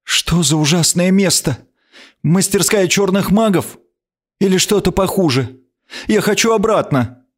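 A man's voice: high-pitched, a little slow, voice pushed up. A man reading an audiobook, voicing a haughty, frightened queen who speaks imperiously. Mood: alarmed. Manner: imperious, hissing, indignant. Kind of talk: audiobook character voice.

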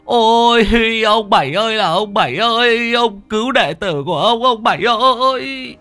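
A man's voice: low-pitched, lively intonation, slow, pushed and bright, full character voice. A man voicing a panicked middle-aged male exorcist who wails and whimpers in terror. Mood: terrified wailing. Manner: wailing, whimpering cries.

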